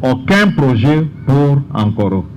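A man's voice: mid-range voice, sing-song, measured pace, darkish tone, faint music behind, low-quality recording. Male preacher in short paced phrases. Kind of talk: sermon with interpreter. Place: outdoor tent.

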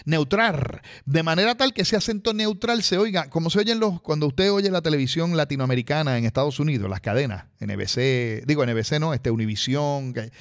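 A man's voice: a little high, brisk, hardly any pauses. A man presenting a radio technology segment, talking chattily and straight to the listeners. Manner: chatty, addresses listeners directly.

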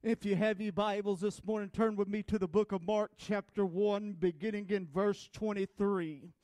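Preacher guy, really high voice, fired up, lots of uh and amen, dry close sound. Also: steady tone, dry recording. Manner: fervent, builds to shouted exclamations with frequent "uh" and "amen"; reads scripture slowly and emphatically. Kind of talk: Pentecostal-style sermon and prayer. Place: church sanctuary.

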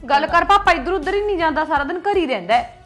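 A woman's voice: extremely high pitch, expressive, very fast, faint music behind. A young woman, playing a rebellious daughter who refuses a forced marriage in a family drama series. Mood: bitter. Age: young adult. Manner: rebellious, sharp-tongued. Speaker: daughter, college student.

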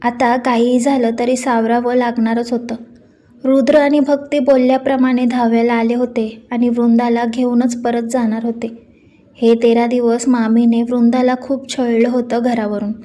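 A woman's voice: fairly high pitch, mellow. A woman narrating a scripted family drama story as storyteller.

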